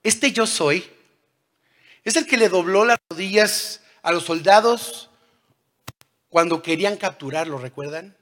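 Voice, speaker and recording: A man in his thirties preaching a sermon, who swings between loud calls and hushed lines and puts questions to the congregation. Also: sits high, a little slow, long pauses. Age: 30s.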